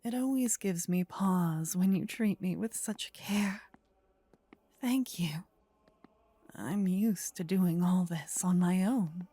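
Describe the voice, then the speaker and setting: Speaking as a possessive, warlike demon queen in intimate ASMR, this woman keeps to a breathy whisper and stately, formal, measured wording. The voice is lowish and warm, the mood tender and grateful, and there is no room sound.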